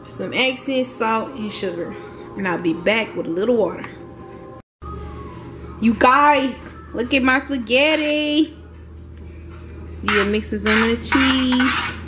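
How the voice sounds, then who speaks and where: A woman's voice: a little high, takes it slowly, pauses often. A woman vlogging as she cooks, chatting casually and straight to her viewers. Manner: chatty, talks straight to viewers while cooking. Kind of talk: casual cooking vlog. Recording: loud music behind her voice. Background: music.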